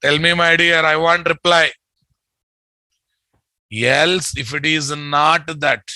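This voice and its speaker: A man's voice: on the high side, fairly even intonation, slow pace, pushed and bright, no echo, rough recording. A man with a Telugu Indian accent teaching a programming lesson, repeating phrases and often checking in with his students. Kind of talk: live coding lesson.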